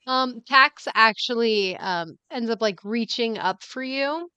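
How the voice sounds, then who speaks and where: A woman narrating as dungeon master on a tabletop game stream, halting with fillers and frequent laughs. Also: fairly high pitch, bright, forceful tone, smooth, no room sound, muffled recording.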